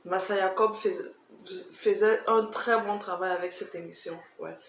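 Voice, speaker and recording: A woman's voice: medium pitch, steady tone, measured pace, a little hiss or hum. A woman with a Cameroonian accent chatting casually for a vlog, emphatic, repeating herself and tossing in rhetorical questions. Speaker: vlogger answering tag questions. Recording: roomy echo, faint background music.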